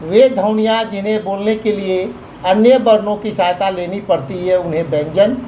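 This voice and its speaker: A man's voice: high-pitched, steady tone, normal speed, mellow, slight background noise, poor audio. A man teaching a grammar lesson to children, explaining step by step with examples.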